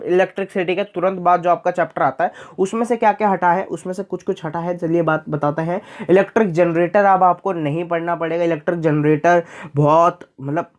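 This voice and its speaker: A young man in a casual explainer talking to students about their course, chatty and repeating the key points. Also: high voice. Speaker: teacher explaining syllabus changes.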